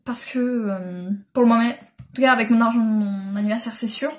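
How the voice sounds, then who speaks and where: A young woman who vlogs about manga chats casually on a built-in device mic, rambling with lots of fillers and restarts. Her voice is a little high, and she speaks at normal speed.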